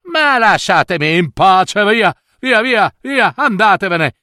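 A man's voice: sits high, big pitch swings, a little slow, sharp tone, dry recording, clean studio sound, voice pushed up, heavily acted. A man doing a whiny, spoiled girl. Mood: sulky. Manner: whiny and sulky.

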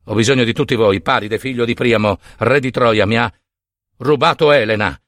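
A man playing a wronged, furious king who speaks in stern, low commands. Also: moderate pace, a bit bright, no room sound, studio quality, natural voice. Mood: grim. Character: Menelaus, wronged proud king, grim and furious.

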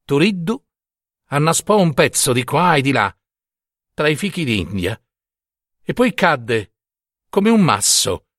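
A man's voice: on the high side, sing-song, takes it slowly, pauses often, fairly bright tone, no echo, clean studio sound. A man narrating a classic short story in a dramatic, theatrical reading.

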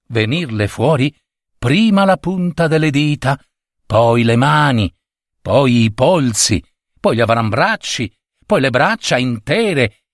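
A man narrating a fairy tale expressively, with pauses and rising emphasis. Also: medium pitch, a bit bright, no echo, studio quality. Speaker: storyteller.

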